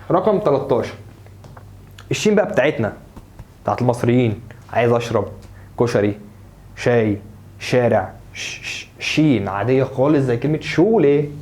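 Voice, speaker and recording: A young man with an Egyptian Arabic accent, teaching German pronunciation in a lively, coaxing way and repeating words slowly for learners. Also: medium pitch. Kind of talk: lively classroom-style pronunciation lesson.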